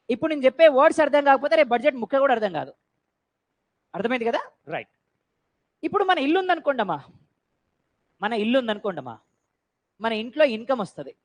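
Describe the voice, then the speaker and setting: A woman teaching a class, quizzing students and urging them to answer loudly. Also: on the high side, low-quality recording. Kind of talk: classroom lecture.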